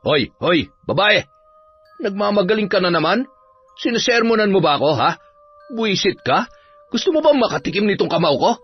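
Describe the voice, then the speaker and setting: A man voicing a drunk, abusive middle-aged father who yells and threatens. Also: a little high, big pitch swings, moderate pace, slightly rough, pitched above the performer's own voice. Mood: angry drunk. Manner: slurring, bullying, yelling threats. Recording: dull audio, soft music behind.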